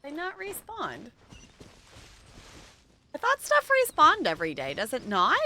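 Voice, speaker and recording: A woman's voice: sits high, huge pitch swings, a little slow, pushed and bright. A woman streaming a game with casual, chatty commentary, giggly and thinking aloud.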